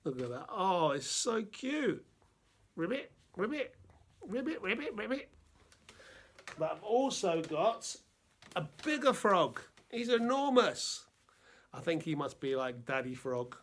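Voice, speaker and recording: A man presenting a gentle lesson for under-fives, unhurried and halting with little fillers. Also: a little high, big pitch swings. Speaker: children's presenter.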